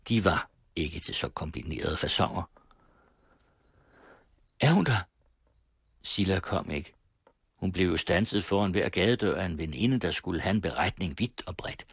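A man reading a novel aloud on the radio, measured, letting phrase ends fall away. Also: low voice, slightly rough, no room sound, clean studio sound. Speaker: radio reader.

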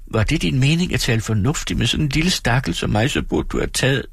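A man voicing a childish young wife who is sweet, sulky and quick to tears, in a high plaintive voice. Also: breathy edge, no room sound, clean studio sound, close to an everyday voice. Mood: tearful protest. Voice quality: high pleading girlish voice.

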